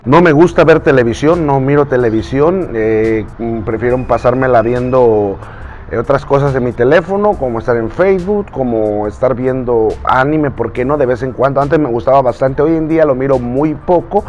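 A Mexican YouTuber and voice impressionist in his thirties, with a Mexican Spanish accent, talks casually to camera outdoors in a recreational park, standing against a pale wall. His medium-pitched, darkish voice moves at a moderate pace; he speaks earnestly, checks his notes and gestures with his hands. The recording is muffled, with soft background music.

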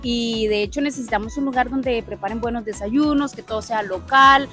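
A woman's voice: a little high, moderate pace, sharp tone. A young woman from Nicaragua, co-owner of a restaurant, explaining her business in a friendly, casual interview outside the restaurant. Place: outdoors at a restaurant front. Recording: faint background music.

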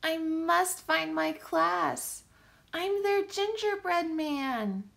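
A woman voicing a plucky, excitable little gingerbread man from a picture book, in exclamatory sing-song rhyme. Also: very high voice, drawn-out words, creaky, pitched above the performer's own voice, heavily acted. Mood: defiant, excited.

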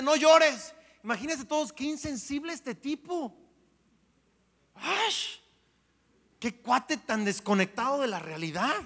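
A man preaching a sermon as pastor, animated and playful, acting out little voices along the way. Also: high-pitched. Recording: long hall reverb.

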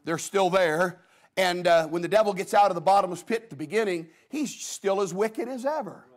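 A man's voice: high voice, normal speed. A man preaching a folksy sermon in a church, telling stories and acting out the voices of people in them. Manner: folksy storytelling preacher, acts out voices of Bible figures. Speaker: guest preacher.

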